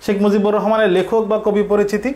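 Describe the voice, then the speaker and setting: A man's voice: sits high, flat delivery, quick pace, darkish tone. A male teacher with a Bangladeshi accent giving an online grammar lesson, asking questions and answering them himself, repeating key points. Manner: repetitive, drilling.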